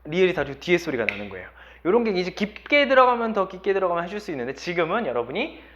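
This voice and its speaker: A man's voice: high voice, rapid-fire, dull audio, a little hiss or hum. A man teaching a language lesson who keeps quizzing his students as he explains. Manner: lively, constantly quizzing students. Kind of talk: classroom lecture.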